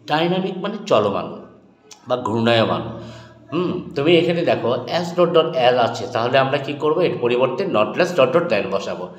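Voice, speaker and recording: A man teaching English grammar in a lesson, asking and answering his own questions and repeating example words slowly. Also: mid-range voice. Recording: echoey room with long reverb.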